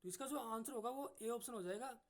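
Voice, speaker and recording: A man's voice: very high voice, a bit bright. A man teaching an exam-prep English lesson who explains patiently, often says "ठीक है", and restarts words mid-way. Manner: reads English sentences out very slowly.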